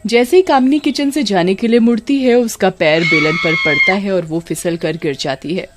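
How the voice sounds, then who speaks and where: Female storyteller, steady scripted narration of a scary tale. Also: medium pitch, moderate pace, slight background noise.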